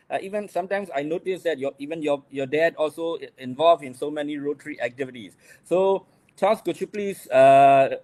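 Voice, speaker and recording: A man's voice: a little high, warm tone, no room sound. A man with a Burmese accent co-hosts a live-streamed panel, speaking hesitant English and often repeating his words. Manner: hesitant, repetitive non-native English. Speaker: club leader and co-host.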